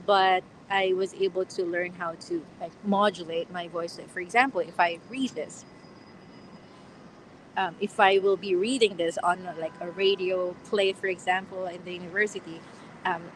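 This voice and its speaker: A woman's voice: on the low side, fairly even intonation, normal speed, slight background noise, poor audio. A young woman hosting a casual live question-and-answer stream outdoors, chatty, with frequent laughs and fillers. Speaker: livestream host. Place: outdoors on a platform.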